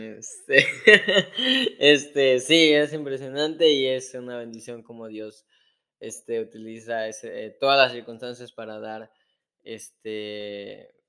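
Chatty man, bright voice. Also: medium pitch, smooth. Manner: chatty, many fillers like "este", laughs often. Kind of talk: casual chat.

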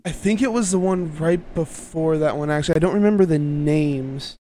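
A man's voice: on the high side, moderate pace, dark tone, slight background noise. A man hosting a podcast, chatting casually about an album with many fillers and easy laughs. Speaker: podcast host. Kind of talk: casual interview chat.

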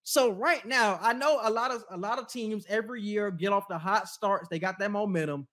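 Male co-host with a high voice, relaxed and slangy, casual sports talk. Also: normal speed. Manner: laid-back, laughs often, slangy. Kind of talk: casual basketball chat.

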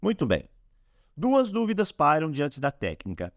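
A man's voice: a little high, no echo. Guy teaching a meditation thing, voice goes up and down a lot, dry close sound. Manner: lively, rising and falling delivery, slowing on mantras. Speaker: host teaching a spiritual technique. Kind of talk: calm instructional talk.

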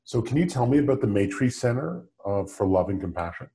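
A man's voice: medium pitch, sing-song, a little fast, creaky, dark tone. A man hosting a podcast, asking friendly, curious questions. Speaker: podcast host. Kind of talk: interview host.

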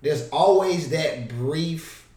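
A man with a somewhat high voice chats on a podcast with animated, playful energy, full of slang and acted-out asides. He sounds a little distant from the mic. The room around him echoes noticeably. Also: very slow. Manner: animated, playful, slangy, acts out bench banter. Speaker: podcast co-host, assistant basketball coach. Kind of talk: casual podcast chat.

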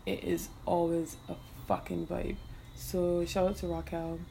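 A woman's voice: fairly low pitch, level tone, unhurried, gravelly, warm tone, a little hiss or hum. A young woman from Barbados with a Bajan accent, hosting her solo podcast in loose, profane, laughing casual chat. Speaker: podcast host.

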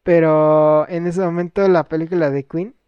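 A man with a Mexican Spanish accent in casual chat, telling stories in a relaxed, slangy way. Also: a little high, normal speed, clean tone, no room sound, muffled recording.

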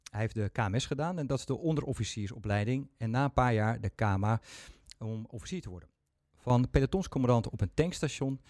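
Expressive and fast, a man with a mid-range, darkish voice hosts a casual podcast with self-deprecating humor. The sound is studio quality with no echo.

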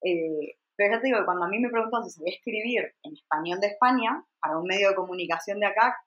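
A woman's voice: medium pitch, fast, fairly bright tone, dull audio. A woman in her forties with an Argentine accent, chatting reflectively as a podcast guest and using frequent fillers. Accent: Argentine Spanish. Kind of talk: casual conversation.

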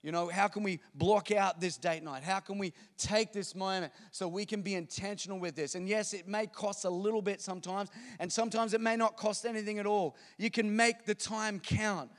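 High-voiced pastor in a hall. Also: male voice, normal speed, few pauses. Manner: swings between loud animated outbursts and quiet earnest talk. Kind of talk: sermon. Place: large church hall.

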